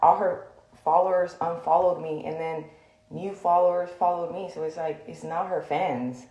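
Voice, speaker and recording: A woman's voice: lowish voice, fairly even intonation, moderate pace, warm tone, muffled recording. A young woman in a heated, blunt rant to the camera, swearing and filling with "like". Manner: heated, blunt, swears often, many fillers. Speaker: social media personality. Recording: echoey room.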